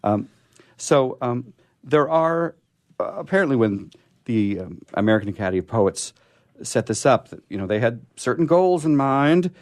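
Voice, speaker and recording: In clean studio sound without any room noise, a man with a mid-range, expressive voice hosts a radio program. His talk is casual and unscripted, but a sore throat leaves him halting, frequently stammering and restarting mid-phrase.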